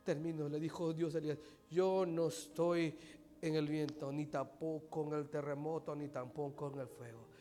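A man preaching a sermon, swinging from loud, fast preaching to hushed whispers. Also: on the high side, fairly even intonation. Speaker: pastor. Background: music playing.

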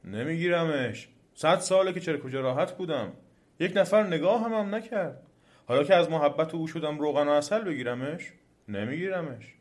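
Guy voicing a bitter old talking pond in a fairy tale, whiny, kinda high. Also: animated, close to an everyday voice. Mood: indignant. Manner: indignant, complaining refusal. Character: aggrieved old talking garden pool.

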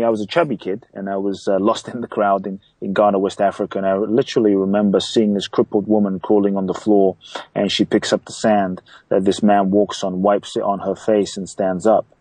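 A man's voice: on the low side, darkish tone, no echo, rough recording. A man from London, a coach guest, telling his story in an earnest, reflective way with frequent repeated words. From grew up in London. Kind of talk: interview storytelling.

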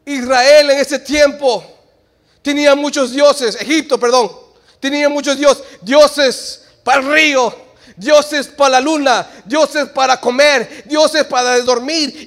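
A man preaching a sermon in church. He swings between shouted exhortation and quiet, joking asides. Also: very high-pitched.

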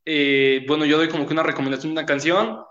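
Fast-talking Mexico City man hosting a podcast. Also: a little high, steady tone, a bit bright, dull audio. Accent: Mexico City Spanish. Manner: fast, slangy and laughing often. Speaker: podcast host. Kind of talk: casual podcast chat.

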